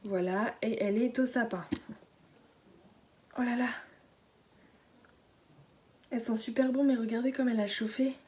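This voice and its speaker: A teenage girl chatting casually through a beauty haul at home, speaking softly and often slipping into a whisper, with lots of fillers and restarts. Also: fairly high pitch, steady tone, a little slow, long pauses. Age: late teens. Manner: hushed, often dropping to a whisper. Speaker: beauty vlogger. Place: at home indoors.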